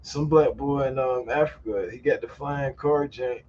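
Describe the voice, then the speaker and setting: A man's medium-pitched, darkish voice keeps a steady tone at normal speed as he hosts a casual live stream. The YouTuber tells stories loosely, swears, and laughs often. The recording is muffled, with a faint hum of ambient noise.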